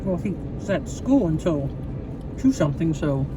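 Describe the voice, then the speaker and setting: A woman's voice: sits low, big pitch swings, moderate pace. A middle-aged woman talking casually in an everyday conversation. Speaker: wife joining the conversation. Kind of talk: casual chat. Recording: distant mic, loud traffic and car noise.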